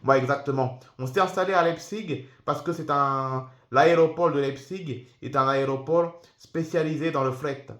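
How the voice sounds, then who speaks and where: A man's voice: fairly high pitch, normal speed, hardly any pauses, a bit bright, lightly acted. A man puts on a friendly, rambling company boss with a Ukrainian accent for a homemade toy-figure film. He talks in a slightly raised, roomy-sounding voice, full of hesitations and loose asides. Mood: explaining. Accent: Ukrainian, put on. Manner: easygoing, rambling, many fillers. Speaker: company director. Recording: roomy echo.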